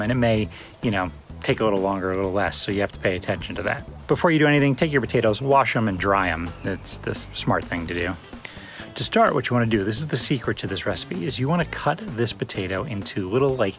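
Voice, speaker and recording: Man, low voice, laid-back cooking host, faint music behind. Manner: relaxed and chatty, with fillers. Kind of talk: casual cooking demonstration.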